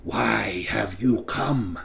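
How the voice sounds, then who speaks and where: Ancient female wraith for a tabletop game played by a man: hissing like a snake, bleak and forbidding, very unhurried. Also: fairly low pitch, vocal fry, fairly bright tone, heavily acted. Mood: bleak warning. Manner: slow, drawn-out, solemn delivery. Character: ragged ghostly old woman wraith, tormented, forbidding.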